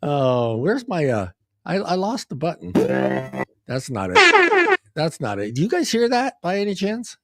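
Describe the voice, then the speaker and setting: A man's voice: high-pitched, huge pitch swings, measured pace, background noise. A man co-hosting a casual talk show, teasing the others and laughing often. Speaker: podcast co-host. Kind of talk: casual chat.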